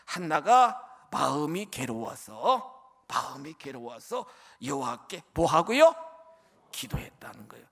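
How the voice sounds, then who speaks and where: A male pastor preaching a sermon with passion, swinging from shouts to near-whispers and calling out to the congregation. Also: a little high, very animated, takes it slowly, creaky. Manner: keeps addressing the congregation.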